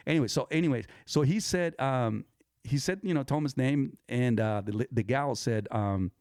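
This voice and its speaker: A man's voice: mid-range voice, moderate pace, a little mellow, dry recording, clean studio sound. A man hosting a podcast, telling a story in a casual, rambling way, with restarts and chuckles. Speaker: podcast host.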